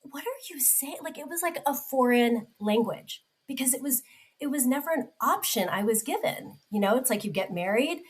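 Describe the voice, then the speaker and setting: A woman's voice: on the high side, expressive, normal speed, low-quality recording. Heartfelt woman in her forties. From United States. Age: 40s. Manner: heartfelt, many likes and restarts. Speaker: guest. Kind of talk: personal story in a podcast interview.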